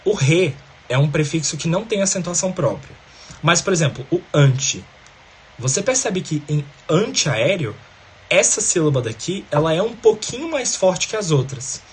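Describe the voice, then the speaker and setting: A man's voice: fairly high pitch, very animated, normal speed, slight background noise. A man teaching a grammar lesson, explaining step by step and often checking in with the listener.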